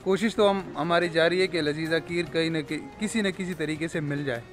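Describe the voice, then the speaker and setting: A man's voice: on the high side, brisk. Chatty young man vlogging on his phone. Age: young adult. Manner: chatty, teasing his friends. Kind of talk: casual vlog narration to camera. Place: car, then large supermarket indoors. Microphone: handheld phone at arm's length. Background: background music.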